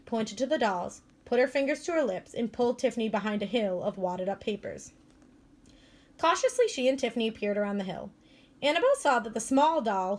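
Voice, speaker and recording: Woman schoolteacher, read-aloud narration of a kids' novel, clear and even, a touch high. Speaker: elementary school teacher. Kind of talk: reading a children's book aloud.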